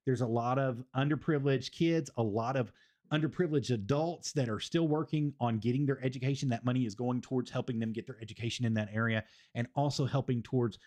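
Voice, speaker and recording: A man's voice: mid-range voice, fast talker, darkish tone. A man, hosting a casual wrestling review stream and rambling, repeating phrases for emphasis. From Tennessee, US. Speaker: stream host.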